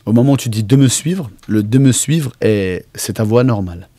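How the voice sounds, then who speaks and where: A man's voice: on the low side, animated, moderate pace, warm tone. A man narrating an improvised tabletop game as game master.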